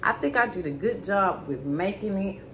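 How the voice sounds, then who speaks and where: A woman's voice: medium pitch, expressive, normal speed, a bit bright, slight background noise. Chatty woman cooking in her kitchen. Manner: chatty, addresses viewers as y'all and baby. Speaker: cooking channel host. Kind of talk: casual cooking vlog chat. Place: home kitchen, indoors.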